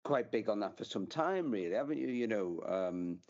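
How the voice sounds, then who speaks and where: A man's voice: fairly low pitch, lively intonation, normal speed, a little mellow, dull audio. A man hosting a podcast, asking questions in a friendly, conversational way. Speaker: podcast host. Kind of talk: casual interview.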